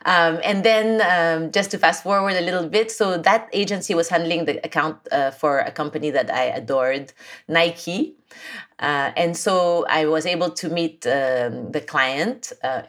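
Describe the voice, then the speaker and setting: A woman in her forties with a low voice, a guest on a podcast. She tells her story in a chatty, storytelling way, full of ums and restarts. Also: moderate pace. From Philippines. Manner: warm, lively storytelling with many fillers and restarts. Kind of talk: casual interview chat.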